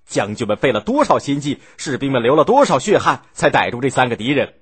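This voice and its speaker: A man voicing a furious general who shouts and scolds his ruler with scorn. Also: mid-range voice, big pitch swings, fairly quick, husky. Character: furious male general, spitting with rage.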